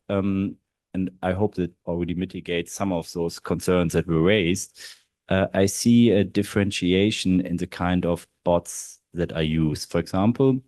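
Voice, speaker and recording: This clip features a low-pitched, dark-toned man from Germany, accented accordingly, serving as in-house counsel on a panel at a law event in a large historic hall. He hesitates and leans on many fillers. The recording is clean, studio-grade, and free of room sound.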